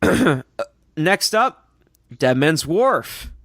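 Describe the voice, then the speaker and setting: A man's voice: a little high, big pitch swings, a bit bright, dry recording. Dry-voiced man reading blurbs aloud. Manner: reads blurbs haltingly with slips and asides. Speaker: podcast co-host. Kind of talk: casual chat, reading event descriptions aloud.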